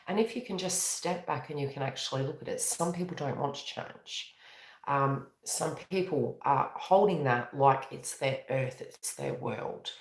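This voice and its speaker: A New Zealand-accented woman with a deep voice gives a live-streamed tarot and astrology reading, tired and conversational, drifting and self-correcting as she goes. The sound is roomy and the recording rough.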